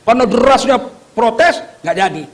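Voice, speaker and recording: Very high-pitched fiery preacher. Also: male voice, expressive, normal speed. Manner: fiery, joking, prompts the crowd to answer back. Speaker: Islamic preacher. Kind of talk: rousing sermon with call-and-response.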